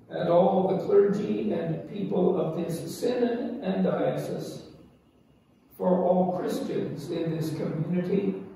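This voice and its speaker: A man slowly intoning prayers and readings as the officiant of a church service, heard with a cathedral echo. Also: high voice, gravelly, warm tone, a little hiss or hum. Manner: slow, solemn intoning. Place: large church. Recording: cathedral echo heard from far off, faint ambience.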